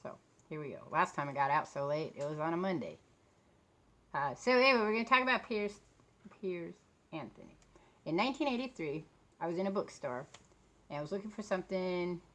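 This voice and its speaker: A woman in her late fifties with a fairly low voice, chatting in a loose, rambling way. She sounds tired and under the weather with a sore throat, and her words come out a little off because of a swollen lip. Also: animated, fairly quick, long pauses, fairly bright tone. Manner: talking a bit funny from a swollen mouth. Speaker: vlogger talking about books and authors. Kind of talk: casual rambling chat.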